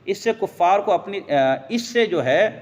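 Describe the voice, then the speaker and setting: Step by step, a religious teacher explains his lesson, quoting Arabic verses and answering questions he raises himself. His high voice is expressive and a little mellow, followed by a long reverb tail.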